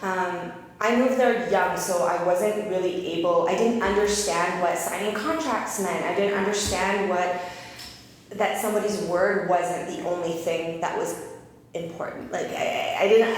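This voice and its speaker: A woman in her thirties from Calgary, an eyebrow artist telling her story as an interview guest in an open, energetic way. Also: lowish voice, normal speed. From Canada (Calgary). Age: 30s. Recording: roomy reverberant space with faint noise.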